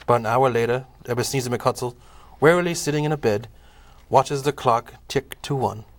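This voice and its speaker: A man with a mid-range voice narrates a scripted comic audio play, telling the story in a measured, formal way.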